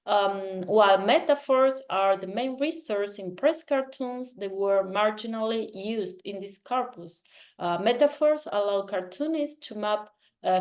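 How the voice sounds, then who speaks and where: A woman from Argentina walks listeners through her research findings. She speaks in a measured academic manner and often pauses on filler sounds while she finds her words. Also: medium pitch, darkish tone. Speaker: researcher presenting a poster. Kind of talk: academic presentation.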